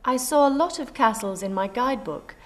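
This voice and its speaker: A woman's voice: a little high, expressive, brisk, natural voice. An actress playing a polite female tourist in a scripted dialogue.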